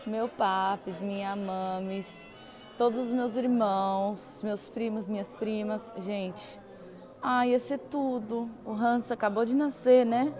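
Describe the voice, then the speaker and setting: Faint music plays behind a young woman from Brazil who vlogs casually through indoor theme park gift shops, gushing to viewers. She takes it slowly, with a steady, slightly mellow mid-range voice.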